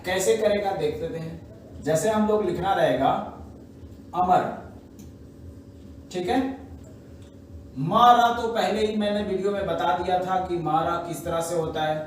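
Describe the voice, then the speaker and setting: A man teaching a shorthand class, explaining step by step and often checking with his students. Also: high voice. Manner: slow, repetitive teaching with frequent "है ना" and "ठीक है" checks. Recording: echoey room, mic at a distance, faint background noise.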